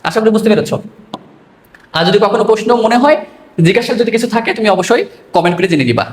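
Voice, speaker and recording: Guy teaching pronunciation, high voice, asks then answers himself, roomy echo. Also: animated, fast talker. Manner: explains step by step, asks and answers own questions. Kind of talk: online pronunciation lesson.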